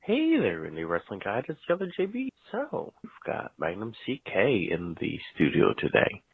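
Brief: deep-voiced male caller, wide pitch swings, joking voicemail over a phone line. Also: huge pitch swings, moderate pace, creaky, husky, no room sound. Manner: joking, meandering question with fillers. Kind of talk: casual recorded voicemail.

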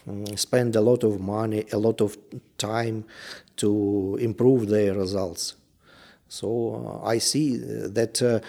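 A man with a Russian accent answering interview questions in halting English, pausing often to search for words. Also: fairly low pitch, warm tone. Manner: hesitant, searching for words in simple phrasing. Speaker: sports federation official being interviewed.

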